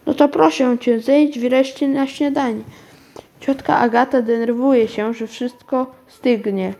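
An impatient mother calls her daughter in a loud, raised voice, as a woman reading the story puts her on. Her pitch climbs high as she calls. The delivery stays slow and deliberate. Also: fairly even intonation.

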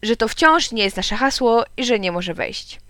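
A woman reads a children's story aloud in a smooth, crisp voice. The recording is close and dry, with no room sound, and she livens up for each squabbling boy. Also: a little high, dry recording. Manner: lively, quickens and raises her voice for the quarrelling boys. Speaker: audiobook reader. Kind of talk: storybook narration with character voices.

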